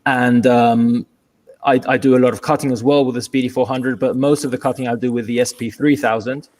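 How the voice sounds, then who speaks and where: A man with a British London accent, Spanish by birth, talking as a guest over a video call in a relaxed, hesitant way with wry humor. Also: mid-range voice, fairly quick. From England. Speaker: guest, furniture maker. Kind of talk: casual video-call interview.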